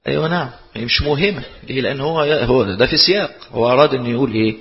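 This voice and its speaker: A man's voice: mid-range voice, fast talker. A man with an Egyptian accent teaching a class, explaining points and posing rhetorical questions that he then answers himself. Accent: Egyptian Arabic. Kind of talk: lecture explaining a text. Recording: lo-fi recording in a reverberant hall.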